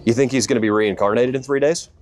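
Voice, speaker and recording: A man, a stand-up comedian, chatting casually while fishing outdoors, with a deadpan, sarcastic delivery. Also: mid-range voice, quick pace, slight background noise. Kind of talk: casual chat.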